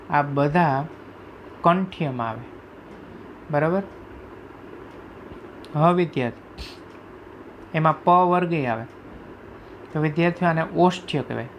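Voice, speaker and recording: A man teaching a class, explaining sounds slowly, reciting letters one by one and often asking if students follow. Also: on the high side, a little hiss or hum. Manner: repeatedly checks understanding with "right?". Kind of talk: classroom lecture explaining Sanskrit phonetics.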